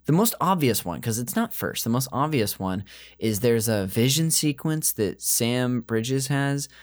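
A man's voice: medium pitch, lively intonation, a little slow. A man co-hosting a casual podcast, rambling with many fillers and restarts. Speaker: podcast co-host.

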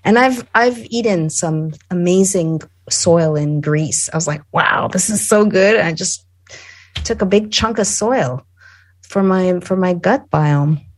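A woman with a somewhat low voice talks with eager enthusiasm in a casual panel discussion. She chats freely and restarts her phrases often. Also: slow.

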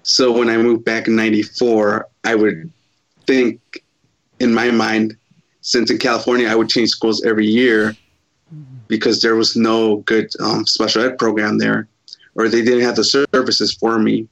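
A man in his thirties from Chicago, a podcast guest answering in a halting, hesitant way. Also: fairly low pitch, level tone, fairly bright tone. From Chicago, USA. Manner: halting, hesitant, many pauses. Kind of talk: casual interview answers. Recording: dull lo-fi sound.

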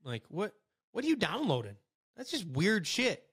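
A young man chatting on a podcast in a fairly high, bright, forceful voice. He is animated and blunt, and he jokes his way through local stories. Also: normal speed, slightly rough. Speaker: podcast co-host. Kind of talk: casual podcast chat.

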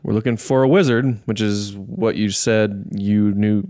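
A man's voice: on the low side, fairly even intonation, a little slow, warm tone. A man talking casually as a player in a tabletop role-playing game.

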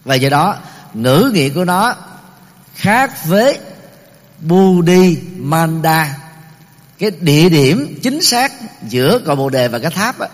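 Slow, measured middle-aged male lecturer. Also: a little high, sing-song. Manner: measured, explaining terms one by one, with many pauses and fillers. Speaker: Buddhist lecturer. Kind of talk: explanatory Dharma talk. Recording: long reverb of a large hall.

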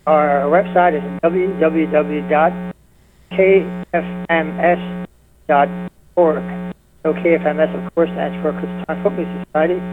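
A man's voice: a little high, background noise. Man talking over a tinny phone line. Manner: friendly, unhurried, lists things off with fillers. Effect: heard over the phone. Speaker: folk music society representative, radio guest. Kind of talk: casual radio interview. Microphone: telephone.

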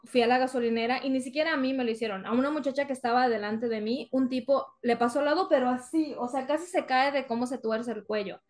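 A woman from Mexico co-hosting a casual podcast chat, telling a story animatedly and acting out what people said. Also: high-pitched. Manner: animated storytelling, acts out quotes. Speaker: podcast co-host.

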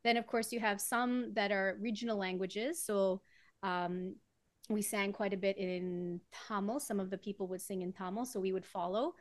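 A woman's voice: mid-range voice, fairly even intonation, normal speed, no echo. Woman guest singer from Trinidad, chatty with frequent laughs; dry close sound. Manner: chatty, laughs often while explaining. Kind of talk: casual interview conversation.

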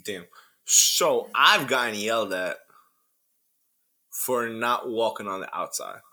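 A young man with a bright, forceful voice leads a casual podcast chat. His pitch moves a lot as he teases and questions his co-host. He laughs easily and keeps the talk playful. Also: lively intonation. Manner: teasing, laughing, quick questions.

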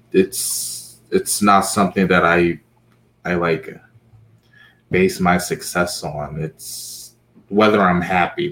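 Deep, slow, hesitant young man. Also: fairly bright tone. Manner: hesitant, halting. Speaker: podcast panelist. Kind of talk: casual chat.

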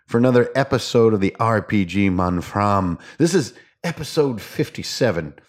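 A man's voice: fairly low pitch, lively intonation, moderate pace. A man hosting a casual gaming podcast, rambling along in a playful, theatrical, slangy way. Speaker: podcast host.

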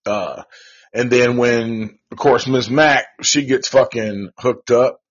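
Slow, husky man rambling loosely. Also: mid-range voice. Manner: rambling, profane, laid-back slang. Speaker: live show host. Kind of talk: casual live movie review. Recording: dull lo-fi recording.

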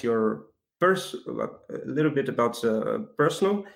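A man's voice: mid-range voice, roomy sound. A man hosting a podcast, reading an intro and then asking questions with some hesitation. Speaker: podcast host.

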